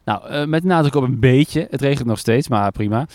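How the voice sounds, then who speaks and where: A man with a smooth, resonant mid-range voice asks questions in a curious, chatty outdoor report from a rainy lakeside jetty, tripping over his words along the way. He talks briskly and expressively, and the recording is dry and close to the mic, with no echo.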